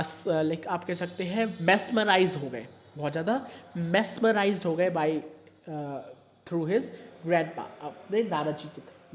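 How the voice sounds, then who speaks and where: A man teaching an online class, mixing Hindi and English, repeating points and checking in with students often. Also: on the high side. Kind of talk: online class explaining a story.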